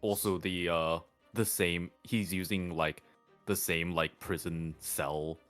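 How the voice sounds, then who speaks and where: A man's voice: sits low, steady tone, slow, a bit bright, soft background music. A man chatting casually about a game, rambling with lots of fillers.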